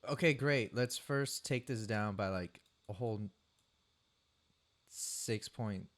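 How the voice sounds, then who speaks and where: A man's voice: lowish voice, slow pace. Rambling man talking through his editing. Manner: rambling, loses count and corrects himself; talks himself through each editing step. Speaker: creator recording his own sound-design challenge. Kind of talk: casual vlog talk over screen work.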